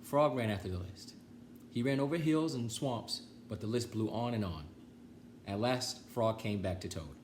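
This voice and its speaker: A man reading a children's story aloud, with deliberate phrasing and pauses. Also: fairly low pitch, expressive, a little mellow, slight background noise.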